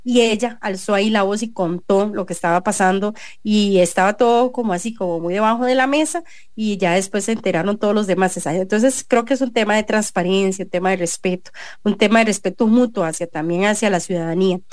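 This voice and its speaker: This radio host and journalist, a woman with a Costa Rican accent, talks briskly in a darkish mid-range voice, recorded studio-clean with no room sound. On her business show she offers an earnest editorial and interviews a guest, restarting often and using lots of fillers.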